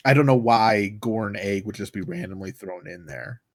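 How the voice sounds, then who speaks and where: A man's voice: fairly low pitch, dry recording, clean studio sound. Man asking puzzled questions. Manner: puzzled questions, quick reactions. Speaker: podcast co-host. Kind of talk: casual chat.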